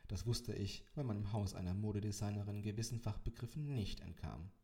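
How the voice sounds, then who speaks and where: A man's voice: on the low side, fairly quick, mellow. A man in his twenties narrating an audiobook in the first person, with dry, wry delivery. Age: 20s.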